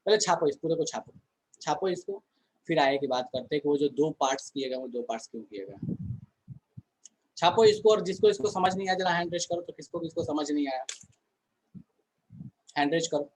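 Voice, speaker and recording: A man's voice: on the high side, fast, low-quality recording. A man teaching a chemistry class online in a conversational way, often asking the students questions and answering them himself.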